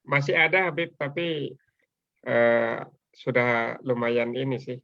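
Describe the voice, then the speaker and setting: Gravelly man on dull call audio. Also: medium pitch, steady tone, takes it slowly, a bit bright, no echo. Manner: agreeable, laughs along. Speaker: moderator. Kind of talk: religious discussion.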